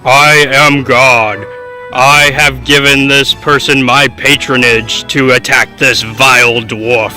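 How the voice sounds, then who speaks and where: A man voicing a solemn god, proclaiming slowly in a booming voice from the sky. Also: steady tone, bright, forceful tone, soft background music. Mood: solemn, commanding.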